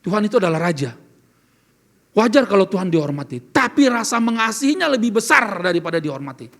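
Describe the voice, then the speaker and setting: A man with a strikingly high voice and a gravelly edge delivers an earnest church sermon. He speaks as a pastor and keeps asking his listeners questions. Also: very animated, fast, fairly bright tone. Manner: earnest, asks the congregation questions. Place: church service.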